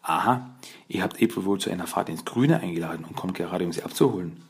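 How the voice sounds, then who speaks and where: A man voicing a cheeky, sharp-tongued young female receptionist in an audiobook, talking in a raised, sarcastic way. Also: low-pitched, fast, creaky, slightly rough, exaggerated voice. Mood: teasing.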